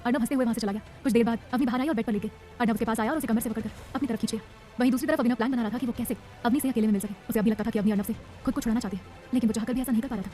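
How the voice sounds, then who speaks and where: A woman narrating a romance audiobook in a rapid, dramatic storytelling style. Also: on the high side, steady tone, warm tone, faint music behind.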